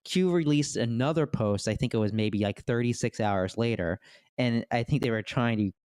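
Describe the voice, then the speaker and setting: A man co-hosting a casual podcast, talking in an animated way with quick asides and restarts. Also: mid-range voice, clean tone, no room sound, clean studio sound. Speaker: podcast co-host.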